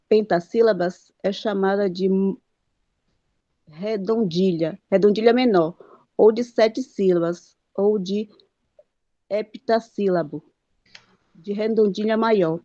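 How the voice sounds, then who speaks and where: A woman with a Brazilian Portuguese accent reads her class notes on metre, pausing and stumbling over terms. Her voice is mellow and dull-toned, recorded dry and lo-fi. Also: mid-range voice, no room sound. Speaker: student presenter. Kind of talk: class presentation on metrics.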